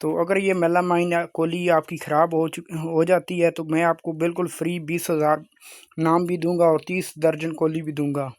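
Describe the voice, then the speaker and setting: A man delivers an informal sales pitch for an online video. His tone stays flat and even while he pushes the offer insistently, circling back over the same phrases. The sound is close and dry. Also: moderate pace, no room sound. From Pakistan. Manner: insistent, repetitive salesman's pitch with bold guarantees. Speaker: YouTube channel host selling crockery.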